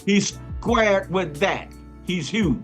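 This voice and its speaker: A man's voice: high-pitched, lively intonation, slow pace, a bit bright, faint music behind. A man leading a Bible study discussion, explaining verses emphatically and repeating his points, then telling the others to read on.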